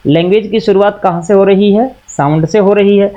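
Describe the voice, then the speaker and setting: His voice sits high with a steady, warm tone and a slightly fast pace, though the highs are cut off. The male teacher, who has an Indian accent, switches between Hindi and English as he explains a lesson, answering his own questions and patiently recapping.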